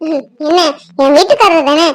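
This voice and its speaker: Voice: very high-pitched, normal speed, heavy background noise. A performer voicing a fiery, emotional young village wife in a cartoon, talking dramatically and wailing. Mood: scheming. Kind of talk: cartoon voice acting.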